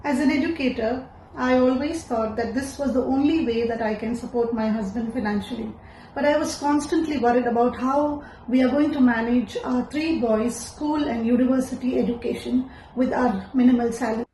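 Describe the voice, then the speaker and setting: A woman's voice: on the high side, moderate pace, mellow, a little hiss or hum. A woman from India, an educator earnestly sharing her personal testimonial. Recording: echoey room with faint ambience.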